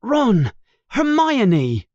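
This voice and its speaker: Brave young schoolboy wizard, a man reading, urgent and high-pitched, dry close sound. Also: sing-song, slow, no room sound, lo-fi sound, heavily acted. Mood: alarmed. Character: boy student wizard, brave and quick.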